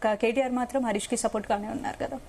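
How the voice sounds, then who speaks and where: Very fast-talking anchorwoman. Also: a little high, fairly even intonation, crowd noise. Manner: presses and interrupts the guest. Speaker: news anchor. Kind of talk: live TV debate questioning.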